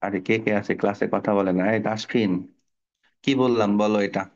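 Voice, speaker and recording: A man's voice: lowish voice, steady tone, normal speed, dull audio. A middle-aged man teaching an online spelling class to children, explaining patiently and asking the class questions.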